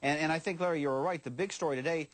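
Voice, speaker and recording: A man's voice: on the high side, rapid-fire, dry recording. A man appearing as a guest who edits a market newsletter, answering in an assertive way on a business news show. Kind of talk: cable business news discussion.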